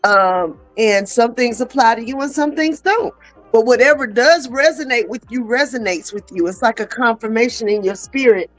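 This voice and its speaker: A woman's voice: on the high side, moderate pace, a bit bright, rough recording. Emphatic woman guest calling people baby. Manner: preachy, emphatic, calls people baby and honey. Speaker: podcast guest, actress. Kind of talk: casual chat.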